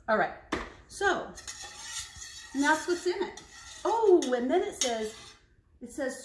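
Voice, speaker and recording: A woman's voice: a little high, noisy background. Woman, cooking vlogger, casual and frank, home kitchen, roomy echo, faint dish clatter. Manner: chatty, frank, hesitant asides. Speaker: cooking vlogger taste-testing recipes. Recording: echoey kitchen, clinking dishes.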